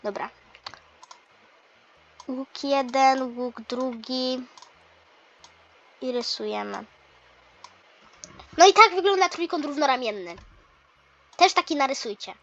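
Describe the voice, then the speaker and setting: A woman's voice: high voice, animated, slow, long pauses, fairly bright tone, lo-fi sound, full character voice. A woman playing a chatty male math teacher. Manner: explains step by step, mildly teasing. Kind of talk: toy role-play lesson.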